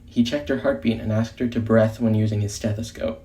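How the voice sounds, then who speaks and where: Guy doing a dramatic story narration, lowish dark voice, theatrical, no room sound. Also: fairly even intonation, brisk, slightly rough.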